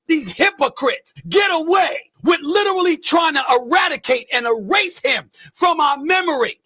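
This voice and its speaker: A man with a very high, pushed, bright voice delivers an impassioned, indignant sports rant with no echo. He hammers his points emphatically, repeating phrases and firing off rhetorical questions.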